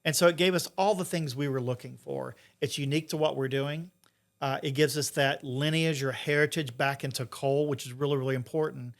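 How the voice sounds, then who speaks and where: A man's voice: medium pitch, fairly even intonation, brisk, gravelly. Middle-aged man talking in an interview. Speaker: interview guest, entrepreneur and investor. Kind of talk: conversational interview, explaining.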